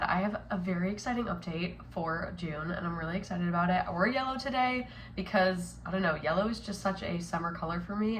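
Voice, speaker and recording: A woman's voice: fairly low pitch, a bit bright, slight background noise. A young woman vlogging casually about her makeup while sick, chatty and upbeat with plenty of fillers. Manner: chatty, upbeat, lots of likes and ums. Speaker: beauty vlogger. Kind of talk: casual vlog chat.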